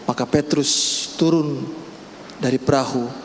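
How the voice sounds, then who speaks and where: A man preaching a sermon as pastor, breaking into loud, high-pitched exclamations. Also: steady tone, a little slow. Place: large church hall. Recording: echoey church hall, faint room noise.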